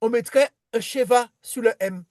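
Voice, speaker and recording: A man's voice: extremely high pitch, normal speed, darkish tone, dry recording, clean studio sound. A man teaching a one-on-one reading lesson, patient and repetitive, often restarting his sentences. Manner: patient, repeats himself, many restarts.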